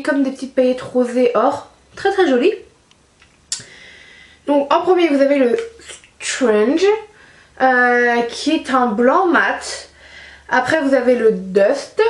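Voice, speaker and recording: A woman chats through a makeup palette review in a relaxed, rambling way, pausing often on fillers. Her voice sits a little high. The room around her rings with a noticeable echo. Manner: chatty, lots of hesitations. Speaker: beauty vlogger. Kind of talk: casual product review.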